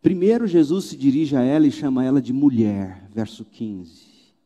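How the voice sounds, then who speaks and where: Mellow-voiced pastor preaching in a hall. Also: male voice, mid-range voice, moderate pace. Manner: animated, rhetorical questions and wry asides. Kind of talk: sermon. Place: church pulpit.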